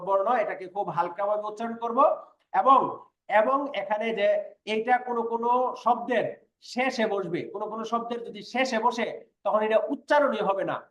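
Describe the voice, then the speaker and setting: A man's voice: sits high, fairly bright tone, echoey room. A man teaching a language class online, patiently explaining and repeating sounds and checking that his students follow.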